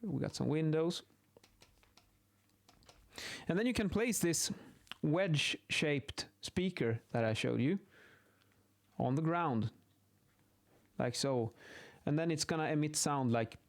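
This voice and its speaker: Long pauses mark this man's slow, expressive delivery; his fairly high voice has a creaky quality. He's an acoustics instructor improvising an informal lesson on measurement methods while sketching, working things out aloud and correcting himself.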